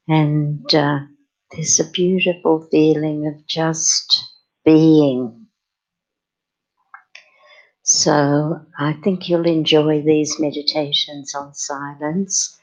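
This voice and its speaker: A woman giving a gentle spiritual talk as a meditation teacher, soft and unhurried. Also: low-pitched, dull audio.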